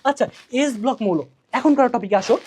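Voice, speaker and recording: A woman's voice: high-pitched, lively intonation, fast talker, a little mellow, slightly rough. A woman teacher gives a colloquial exam revision lesson, drilling key answers by asking questions and repeating them. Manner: colloquial, chatty.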